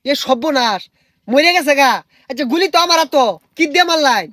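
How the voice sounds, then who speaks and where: A man's voice: very high-pitched, lively intonation, brisk, background noise. A man, playing the grumbling sidekick in a comedy sketch. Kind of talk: comic sketch acting.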